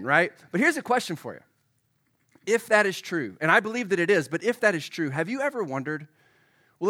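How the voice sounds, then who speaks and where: A male pastor preaches a live sermon, his voice pitched a little higher than most men's, bright and forceful, with a froggy hoarseness from a head cold. He stays conversational, turning to the congregation with questions along the way.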